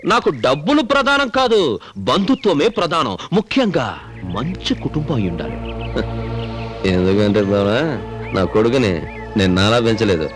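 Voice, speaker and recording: A man's voice: medium pitch, natural voice. An actor playing a boastful, pushy middle-aged village father who talks in an overbearing, persuasive way. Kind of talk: film dialogue.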